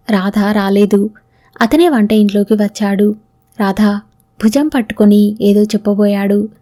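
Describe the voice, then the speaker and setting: Mellow-voiced woman reading a novel. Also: mid-range voice. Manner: reads dialogue of both spouses in her own voice. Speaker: narrator.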